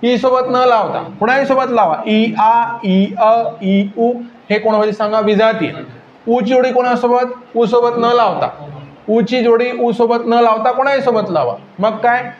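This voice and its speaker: A man's voice: very high-pitched, fairly even intonation, normal speed, roomy sound, muffled recording, slight background noise. A man with a Vidarbha Marathi accent teaching a grammar lesson, repeating points and quizzing his students again and again. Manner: repetitive, keeps quizzing students with questions.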